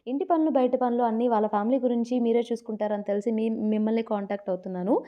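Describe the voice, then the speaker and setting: A woman voicing a smart, confident teenage schoolgirl who tutors a classmate, speaking brisk and matter-of-fact. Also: fairly high pitch, lo-fi sound, lightly acted.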